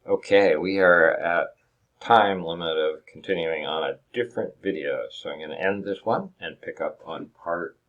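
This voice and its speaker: A man with a very low, deep voice delivers a recorded lecture over slides. He explains each term step by step, restarts his sentences often and poses rhetorical questions to his students. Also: moderate pace, muffled recording. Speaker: instructor.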